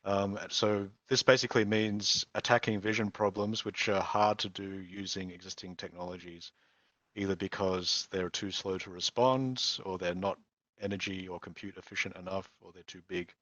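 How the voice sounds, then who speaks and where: A man's voice: sits low, fairly even intonation, moderate pace, a bit bright, no echo. A man giving an informal technical presentation over an online call, explaining things in a conversational way. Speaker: startup chief executive, invited speaker. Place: remote video call. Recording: dull, muffled online call audio.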